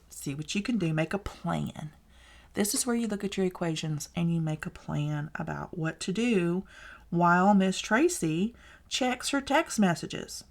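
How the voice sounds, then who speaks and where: Southern woman, math teacher, lowish voice, unhurried, chatty, self-correcting. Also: creaky. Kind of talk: casual recorded math lesson.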